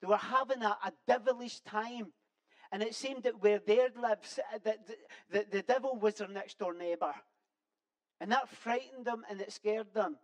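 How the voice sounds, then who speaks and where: Preacher, sermon, conversational and earnest, halting delivery with frequent restarts. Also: mid-range voice, low-quality recording.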